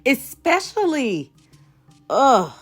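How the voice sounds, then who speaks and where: A woman's voice: high-pitched, very animated, extremely slow, husky, faint music behind. A woman from the United States hosting an online show, giving impassioned commentary to camera, emphatic and outraged, repeating phrases for stress.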